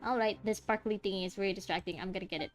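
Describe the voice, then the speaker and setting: A woman gaming streamer with a mid-range voice talks rapid-fire over game music. She gives casual playthrough commentary, bantering playfully with the game's characters.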